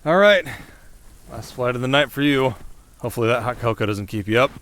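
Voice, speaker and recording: A man's voice: mid-range voice, lively intonation, brisk, a little hiss or hum, natural voice. Man playing Jack Frost, a wry, flirty winter sprite. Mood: soft, flirty. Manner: casual, wry, sharp-tongued. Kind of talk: ASMR audio roleplay.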